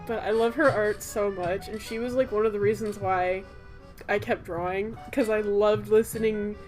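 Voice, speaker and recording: A woman's voice: medium pitch, steady tone, normal speed, a little mellow. A young woman and artist chatting casually about her old drawings, rambling and giggling with lots of fillers and self-corrections. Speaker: artist and channel host. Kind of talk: casual chat reviewing old artwork. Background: faint background music.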